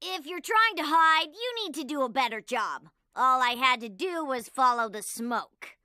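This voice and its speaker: A brash, teasing teen girl dragon, high bright voice, cartoon. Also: animated, normal speed, smooth, no room sound. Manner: blunt, teasing, offhand. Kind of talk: cartoon voice acting.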